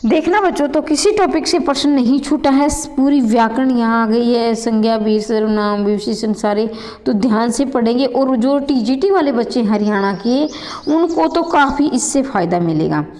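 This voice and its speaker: Female coaching teacher, high-pitched, explains and repeats every answer; reverberant room. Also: normal speed, a little mellow. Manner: addresses students as children, repeats questions and answers aloud. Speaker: Hindi exam coaching teacher. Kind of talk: exam answer walkthrough lesson.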